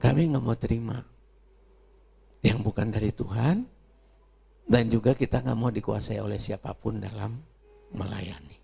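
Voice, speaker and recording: A middle-aged male pastor preaching a sermon with personal stories, swinging between quiet asides and loud, emphatic bursts. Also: on the low side, normal speed, long pauses. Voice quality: gravelly and raspy.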